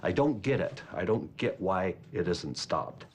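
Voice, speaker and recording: A man's voice: deep voice, expressive, a little slow, a little mellow, a little hiss or hum. A middle-aged or older man giving a personal account as an expert in a documentary interview.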